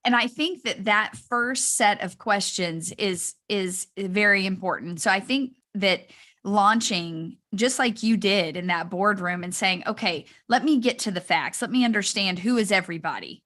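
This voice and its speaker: A woman co-hosts a podcast in casual conversation. She puts her questions warmly to her partner and keeps affirming him as he talks. Her voice sits at a middle pitch. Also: moderate pace. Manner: encouraging, backchannels often. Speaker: podcast co-host. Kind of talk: casual interview chat.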